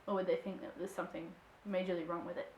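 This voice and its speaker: A young Australian woman vlogging to camera, answering viewer questions in a chatty, expressive way. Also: fairly low pitch, quick pace, muffled recording, slight background noise. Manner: chatty and expressive, acts out quoted voices. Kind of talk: casual chat to camera. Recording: echoey room.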